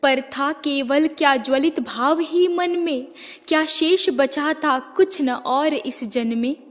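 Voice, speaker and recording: A woman voicing a remorseful queen mother, slow and high. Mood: anguished. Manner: impassioned, measured verse recitation. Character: remorseful queen mother pleading before court. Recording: long hall reverb.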